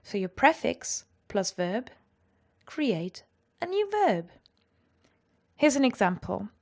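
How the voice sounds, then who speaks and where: A woman teaching a language lesson, explaining clearly and with enthusiasm and carefully pronouncing German example sentences. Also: fairly high pitch, sing-song, takes it slowly.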